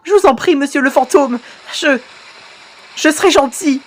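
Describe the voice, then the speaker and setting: A woman voicing a terrified male toilet creature, shrill, panicky and pleading. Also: little pitch movement, extremely slow, slight background noise. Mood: panicked.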